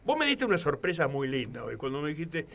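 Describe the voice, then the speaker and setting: A man with an Argentine Spanish accent, a guest on a radio talk show, rambling through animated anecdotes. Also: on the high side, brisk, creaky. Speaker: guest commentator. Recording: studio radio microphone.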